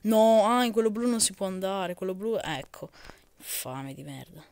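A man's voice: high-pitched, animated, moderate pace, clear, resonant tone. A young man with an Italian accent giving casual, emphatic, exclamatory gameplay commentary full of slangy complaining. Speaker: gamer recording gameplay for videos. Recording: very noisy mobile screen recording with clicks.

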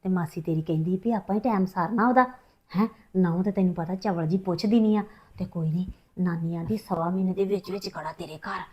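A woman's voice: lowish voice, darkish tone, breathy edge. An actress playing a scheming middle-aged mother, with a Punjabi accent, speaking defensively and evasively. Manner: defensive, talks fast and evasive. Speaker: mother in a family drama. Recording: dull lo-fi sound.

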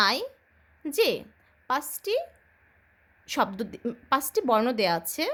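Bangladeshi lady teaching kids english, high voice, lively, spells stuff out slow and asks then answers herself. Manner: slow, drilling, spells words letter by letter; asks and answers own questions. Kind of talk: children's English lesson.

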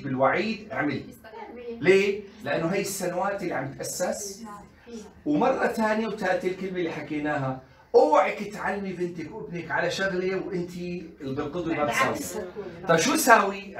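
A man giving an animated colloquial lecture on parenting to mothers, full of rhetorical questions and acted-out quotes. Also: high voice. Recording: echoey room, voice from a distance.

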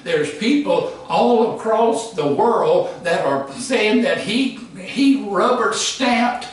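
A man preaching a sermon, emphatic, rising to shouts and dropping low. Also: expressive, takes it slowly. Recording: echoey hall from far off.

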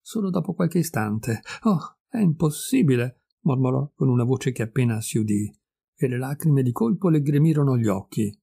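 A man reading a classic short story aloud, measured and expressive. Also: medium pitch, gravelly, slightly rough. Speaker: audiobook reader. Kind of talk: literary reading.

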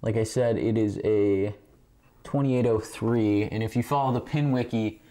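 The voice is a man's, lowish and mellow, with fairly even intonation and a measured pace, as he hosts a casual pinball repair tutorial by hand. He stands indoors among arcade machines in a game room. A tripod camera's mic, set a little way off, captures him amid clear background noise and clicking.

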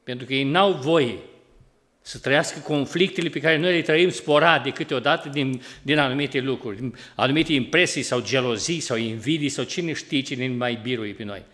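A man with a Romanian accent preaching a sermon in a church. He talks in a lively way, gets loud to drive points home and acts out everyday quarrels in a colloquial voice. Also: medium pitch. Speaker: pastor. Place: church hall.

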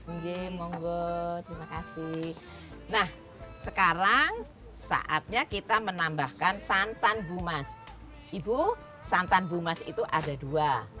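A woman demonstrates a recipe on an open-air street stage, her pitch lively and swinging as she explains each step and calls out to the audience. Music plays steadily underneath her voice. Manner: chatty, instructive, keeps addressing the audience as "Bu". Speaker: cooking show host. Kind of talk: outdoor cooking demonstration. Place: outdoor street cooking stage. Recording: music playing behind.

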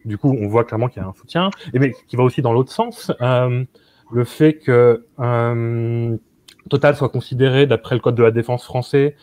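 A young man hosts a video call from a small room, heard through a computer mic with a dry, close sound. He speaks hesitantly and searches for his words, filling his sentences with pauses. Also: medium pitch, darkish tone, no room sound. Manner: hesitant, many fillers. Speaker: host and moderator.

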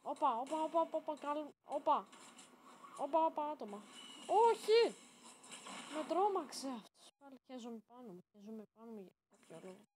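A woman with a high voice talks through her own match in casual, running commentary. She gets excitable and bursts into sudden shouted exclamations, with faint background noise under her. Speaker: gaming channel host. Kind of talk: live game commentary.

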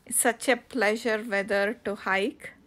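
A woman narrating a casual travel vlog outdoors on coastal cliffs, halting with many fillers and restarts. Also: medium pitch, steady tone, fairly bright tone, a little hiss or hum. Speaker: travel vlogger.

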